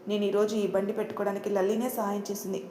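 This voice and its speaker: A woman's voice: mid-range voice, flat delivery, quick pace, dark tone, roomy sound, a little hiss or hum, natural voice. A woman voicing an elderly male ice cream cart vendor who talks in an affectionate, fatherly way. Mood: fond.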